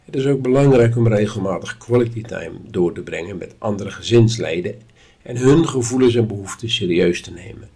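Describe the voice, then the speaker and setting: A man giving a calm, instructive spoken lesson at a measured pace. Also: fairly low pitch, slightly rough. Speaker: course teacher.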